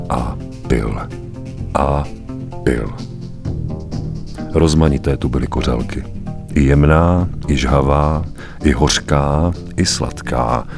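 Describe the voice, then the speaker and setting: A man reading a story aloud as a narrator, grave and measured, with weighty pauses. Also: rumbling low. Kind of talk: dramatic audiobook narration.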